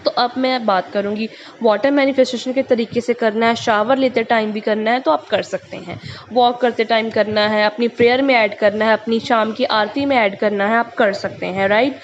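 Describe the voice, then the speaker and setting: A young woman speaks in a relaxed, chatty way to the viewers of her channel. Her voice sits a little high and she drops casual English fillers into her talk. The recording is muffled and lo-fi, with a faint hiss underneath. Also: moderate pace. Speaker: tarot channel host.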